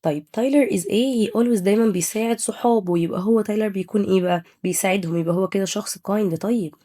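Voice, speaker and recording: A woman's voice: medium pitch, very fast, dark tone. A young woman with an Egyptian Arabic accent teaching an English exam review, firing questions at students and answering them herself, mixing Arabic with English words.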